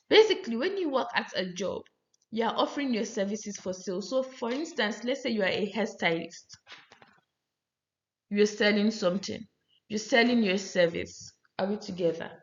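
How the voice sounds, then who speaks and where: Lady teaching econ, talks fast, keeps asking if ur following, roomy muffled audio. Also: on the high side. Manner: fast-talking, often checks in with the listener. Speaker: economics lecturer. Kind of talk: recorded classroom lecture. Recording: roomy, slightly dull audio.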